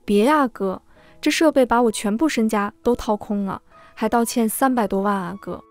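A woman's voice: fairly high pitch, normal speed, no echo, faint music behind, natural voice. A woman voicing a desperate man who keeps begging forgiveness in a read-aloud story, in a plain self-abasing manner. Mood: pleading. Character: pleading, groveling man who wronged the narrator.

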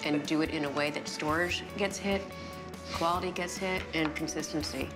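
A woman in her forties co-hosting a restaurant show, frank and animated as she talks about the food. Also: sits low, moderate pace. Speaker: chef and co-host. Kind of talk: casual chat. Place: small café dining room. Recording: loud music bed under the talk.

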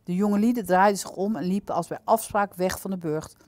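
A woman reading aloud from a children's book in a calm, clear, steady manner. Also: mid-range voice, brisk, no echo. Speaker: storyteller.

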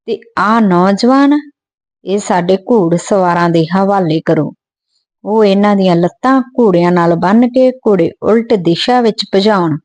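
A woman reading aloud the orders of a cruel, vengeful male Mughal governor in a storybook, speaking loudly and commandingly. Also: mid-range voice, a little slow, lightly acted.

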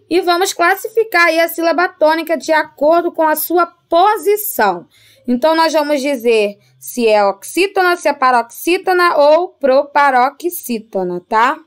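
High-voiced Brazilian teacher, patient and slow. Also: female voice, a bit bright. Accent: Brazilian Portuguese. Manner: patient, slow and drawn-out on example words, frequent "tá?" and "né?" checks. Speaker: primary school teacher. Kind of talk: recorded remote class lesson.

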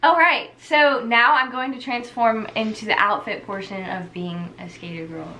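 A young woman vlogging outdoors with a giggly, playful manner and a slightly high voice. She chats casually into a handheld camera. Clear traffic noise fills the background. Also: normal speed. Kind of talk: casual vlog chat. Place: outdoors by a parking lot.

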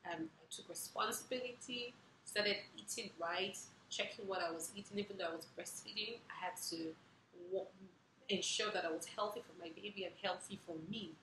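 A young adult woman hosting a casual personal vlog, telling stories in a chatty, expressive way. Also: medium pitch, moderate pace, slight background noise. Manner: chatty and expressive, recounting with emotion and laughter. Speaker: vlog host. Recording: roomy echoey room.

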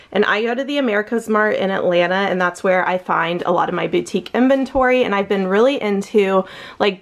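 A woman in her thirties chatting casually through a thrift haul vlog, upbeat, with frequent fillers. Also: mid-range voice. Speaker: thrift reseller vlogger. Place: small home storage room with shelves.

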